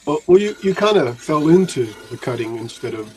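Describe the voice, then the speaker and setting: A man's voice: medium pitch, sing-song, brisk, darkish tone, slight background noise, low-quality recording. A man chatting casually as a livestream co-host relaying comments from viewers. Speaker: livestream co-host reading chat. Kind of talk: casual chat.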